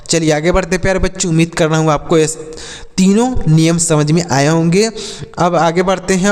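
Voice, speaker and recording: A man with a fairly high voice teaches pronunciation in a classroom style. He spells words out letter by letter, poses a question and answers it himself, and speaks to viewers as dear children. His voice carries a long, hall-like reverb. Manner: slow, spelled-out explanations with call-and-response questions to himself. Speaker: English teacher.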